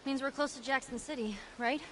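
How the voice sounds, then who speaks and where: Brief: actress voicing a teasing, curious teen girl in a game, highish voice, noisy game audio. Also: steady tone, brisk, natural voice.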